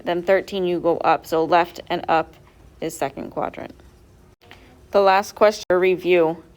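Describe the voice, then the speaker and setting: A woman teacher going over quiz answers step by step in a classroom, asking her students questions as she goes. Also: mid-range voice. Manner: patient, step-by-step, quizzes students. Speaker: math teacher.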